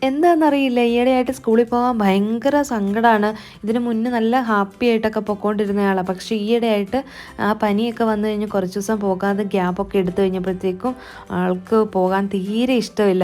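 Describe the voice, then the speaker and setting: A homemaker vlogger talks through her day around the house in a chatty, friendly voice-over. Her voice sits at a medium pitch with a somewhat dark tone, and she often tacks a conversational tag onto her sentences.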